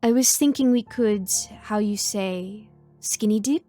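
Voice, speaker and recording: A woman doing a breathy French flirt. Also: medium pitch, measured pace, dark tone, faint music behind, natural voice. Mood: flirtatious. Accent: exaggerated French. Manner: coy, seductive teasing.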